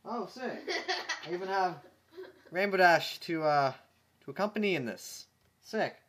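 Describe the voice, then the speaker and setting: His voice is high-pitched, expressive, and a bit bright, moving at a measured pace as he casually reads a fan story for his channel. He laughs at the text, trips over words frequently, and comments with amusement.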